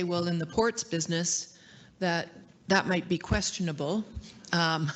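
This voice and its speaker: A Canadian woman executive giving a formal meeting address and answering shareholder questions in a measured, gracious way. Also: on the low side. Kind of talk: formal speech, then live Q&A. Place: meeting hall.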